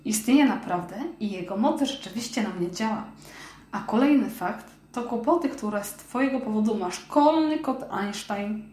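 A woman voicing a gentle, loyal male dog who talks soft and earnest. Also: mid-range voice, normal speed, roomy sound, natural voice.

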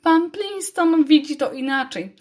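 Gloomy soft-hearted tomcat from a storybook, sighing and glum, as a woman reads him. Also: high-pitched, a little slow, voice pushed up. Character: gloomy gentle male school cat.

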